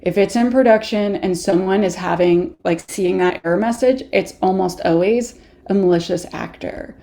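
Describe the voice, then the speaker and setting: A woman's voice: medium pitch, normal speed, dark tone. A woman with a Canadian accent presenting a live online workshop, chatty, laughing often and answering viewer questions as she goes.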